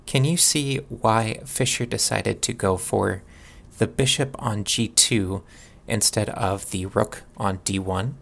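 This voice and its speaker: A man giving instructional chess commentary in a measured way, posing questions to the listener as he analyses a game. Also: lowish voice, gravelly, a bit bright.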